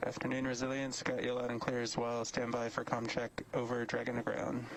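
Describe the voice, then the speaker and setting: A man's voice: medium pitch, brisk, low-quality recording. A man making clipped, procedural astronaut radio calls as a mission director running comm checks. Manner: clipped, flat radio phrasing. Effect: radio link. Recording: radio transmission with faint noise.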